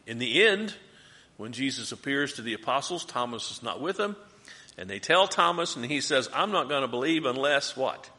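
Bible study leader, male, lively questioning delivery, bright tone in a reverberant room. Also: mid-range voice, moderate pace. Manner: animated, asks the group questions. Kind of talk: group Bible study teaching.

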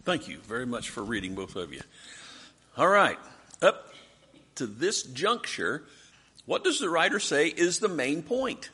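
Leading an interactive Bible class, a man speaks with a bright, forceful voice whose pitch swings widely, and there's a husky edge to it. He teaches animatedly, constantly putting questions to the group. His delivery is a little slow, with frequent pauses.

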